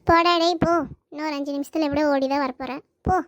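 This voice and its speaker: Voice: sits high, fairly even intonation, fast, fairly bright tone, no room sound, studio quality. Someone playing Grandma Saro, a sarcastic, scolding granny. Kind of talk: family comedy skit dialogue.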